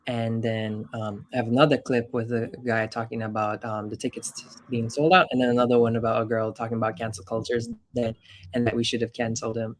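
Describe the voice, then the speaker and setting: An easygoing man co-hosts a casual live stream, chiming in with short remarks and lining up what comes next. His voice sits at an ordinary middle pitch. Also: flat delivery, fast talker, slight background noise. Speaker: co-host.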